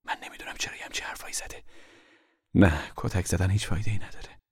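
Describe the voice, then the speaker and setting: A man voicing a weary, worried mother who speaks softly and often whispers, in an audiobook reading. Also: low-pitched, vocal fry, husky, no room sound, studio quality, full character voice. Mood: worried hush. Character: tired worried mother, gentle and firm. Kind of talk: audiobook character voice.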